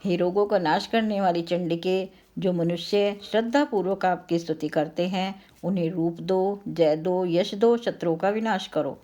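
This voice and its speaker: Slowly and solemnly, a woman recites devotional scripture in an invocatory style, repeating refrains and occasionally correcting herself. Her voice is lowish and warm.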